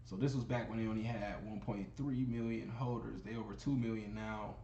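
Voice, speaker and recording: A man talks loosely and conversationally, calling his listeners y'all and often asking "you know what I'm saying." His voice is dark and mellow. It sounds echoey, with faint noise in the room. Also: fairly low pitch, steady tone, fairly quick, dull audio. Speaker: crypto video host. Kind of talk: casual screen-share commentary.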